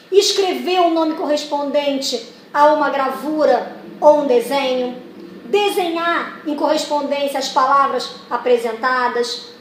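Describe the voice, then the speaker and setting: A woman training teachers, explaining step by step with many examples and acting out classroom questions. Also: sits high. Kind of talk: explanatory lesson. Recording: echoey room with faint noise.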